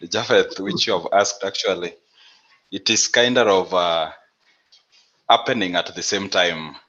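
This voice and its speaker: A man with a hard, bright edge to his lowish voice reasons aloud deliberately as a training participant. It sounds like lo-fi online call audio. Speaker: workshop participant.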